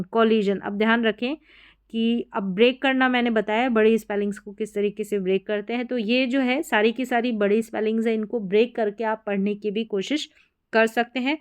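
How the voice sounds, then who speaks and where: A woman's voice: mid-range voice, smooth. A woman teaching English spelling rules in a Hindi lesson, patiently repeating each word several times.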